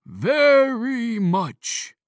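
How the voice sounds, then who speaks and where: A woman reading an audiobook, voicing a lonely very old man who talks extremely loudly and slowly. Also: on the high side, very animated, no room sound, studio quality, pitched above the performer's own voice, full character voice. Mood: wistful.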